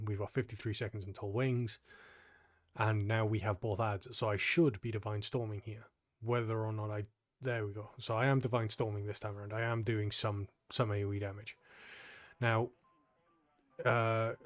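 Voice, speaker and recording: A young man, a gaming channel host, casually talking through a gameplay guide in a relaxed, explanatory way, sounding tired and yawning. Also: on the low side. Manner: relaxed, explanatory, frequent ums.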